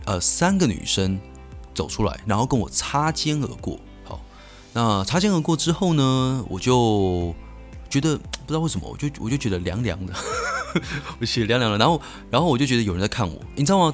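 A young man from Taiwan, hosting a podcast and telling a story in an animated way, full of restarts and self-answered asides. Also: medium pitch, fairly quick, faint music behind. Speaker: podcast host.

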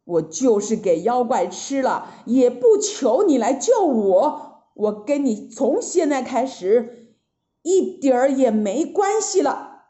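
A woman voicing a stern, righteous old male monk who speaks slowly and reproachfully. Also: sits high, sing-song, dark tone, exaggerated voice. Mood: angry. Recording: slightly dull lo-fi recording.

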